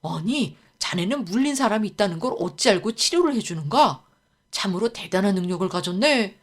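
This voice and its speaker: Woman playing an older nobleman, hearty, chuckling, lively, folktale. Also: lowish voice, normal speed. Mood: grateful. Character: older male noble landlord, hearty and grateful.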